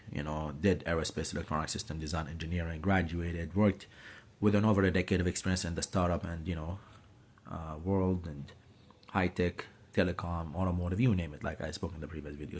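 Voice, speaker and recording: Speaking in a low voice with a breathy edge, this late-thirties vlogger from Syria chats informally to a close-held phone camera inside a small room. His talk wanders, packed with fillers and false starts.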